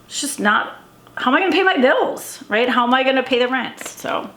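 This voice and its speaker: High-pitched and animated, this vlogger and coach speaks a little fast with a fairly bright tone in a roomy-sounding space. Her casual daily vlog to camera wanders, full of fillers and restarts, and she sounds slightly stuffy and congested.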